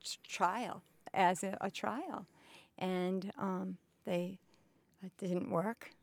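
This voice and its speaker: Slow, halting woman in her fifties. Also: mid-range voice, steady tone, vocal fry, dry recording. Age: 50s. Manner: slow and halting, many pauses and fillers. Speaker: patient advocate. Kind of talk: recorded interview. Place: indoors, cultural center.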